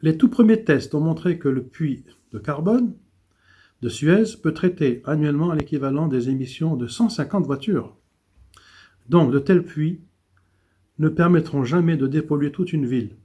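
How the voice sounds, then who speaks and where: A man's voice: on the high side, normal speed, dark tone, slightly rough. A man reading economic and environmental news commentary, with small stumbles and restarts.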